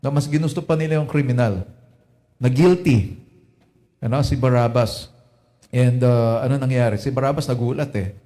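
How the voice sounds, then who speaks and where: A man's voice: medium pitch, normal speed, pauses often, warm tone. Filipino man preaching in Taglish. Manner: Taglish, frequent "no?" and "di ba?" tag questions. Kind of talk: Lenten sermon.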